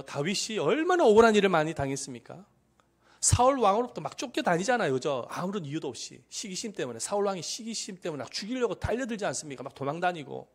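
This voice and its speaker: Pastor guy preaching, husky voice, pitch jumps all over, keeps asking the crowd stuff. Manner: lively, asks the congregation questions; acts out quoted speakers. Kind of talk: sermon.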